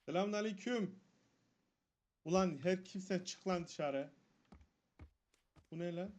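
A man's voice: high voice, slow pace. A man commenting on a horror game as he plays, jumpy and swearing, muttering prayers under his breath when scared. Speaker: gaming streamer. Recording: dull lo-fi mic with faint noise.

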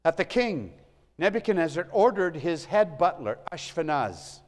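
Male pastor, slightly higher voice, earnest sermon delivery with big volume swings, church hall reverb. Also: big pitch swings, normal speed. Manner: earnest, swells and drops in volume for emphasis. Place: church sanctuary.

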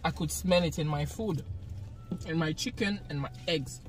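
A woman's voice: sits low, moderate pace. A young Jamaican woman chatting casually while eating on camera in a parked car at night, often breaking into laughter. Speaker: vlogger. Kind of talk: casual eating-show chat.

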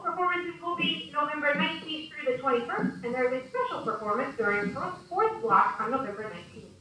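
A woman reading the morning school announcements in a steady scripted read, heard over a school PA loudspeaker in a classroom. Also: high voice. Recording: echoey distant loudspeaker in classroom.

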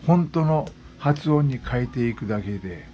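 A man's voice: medium pitch, expressive, normal speed, dark tone, soft background music. A man in his sixties talking casually as a vlogger, explaining things with repeated examples. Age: 60s. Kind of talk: casual monologue. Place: West Oahu, Hawaii.

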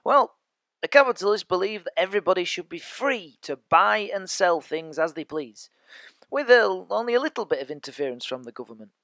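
A man's voice: high-pitched, lively intonation, brisk, bright, forceful tone, no echo. A man teaching a history lesson as a podcast, chatty and joking with his listeners. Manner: chatty, jokey asides to listeners. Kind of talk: educational podcast lecture.

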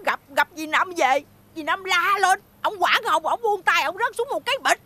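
An actress with a Southern Vietnamese accent playing a kindly, chatty middle-aged village aunt who tells stories animatedly. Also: female voice, fairly high pitch, expressive, moderate pace, a bit bright. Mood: chatty warm.

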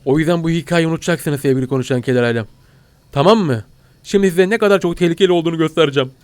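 A young man narrates his gameplay in an excitable, panicky rush, often crying out in mock fear. His voice sits a little high, and the sound is dry and close to the mic. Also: racing, smooth, no echo. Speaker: gaming YouTuber.

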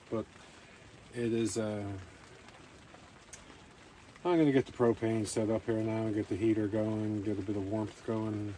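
In a fairly low, warm voice, a camping vlogger rambles casually to camera at a rainy outdoor campsite. The recording is rough, with faint outdoor ambient noise.

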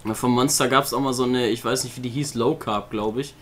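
A man's voice: medium pitch, fairly even intonation, brisk, fairly bright tone, a little hiss or hum. Chatty young man gaming with a friend. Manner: chatty, laughs easily, banters. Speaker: gaming co-host. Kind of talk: casual let's-play chat.

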